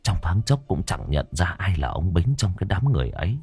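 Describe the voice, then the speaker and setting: A man narrating a ghost story in a dramatic way, slowing down for tense moments. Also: low-pitched, very animated, a little mellow, slightly rough, dry recording. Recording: dry close voice with faint background music.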